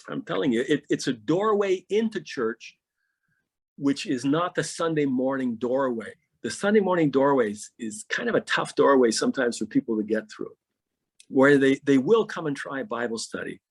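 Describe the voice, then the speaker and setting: A man's voice: mid-range voice, husky. A middle-aged pastor in a podcast interview, telling stories animatedly and often repeating words as he starts a thought.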